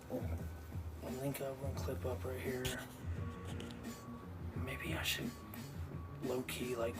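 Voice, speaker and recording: A man talks casually into his live stream, drifting through a reflective, profane ramble packed with fillers. Loud music plays behind him the whole time. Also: medium pitch, low-quality recording. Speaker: livestreamer.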